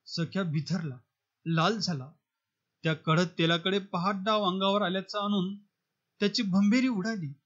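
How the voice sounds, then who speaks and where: A man's voice: sits high, moderate pace, fairly bright tone. A man reading a novel aloud as a storyteller, with dramatic narration, on a dull lo-fi recording.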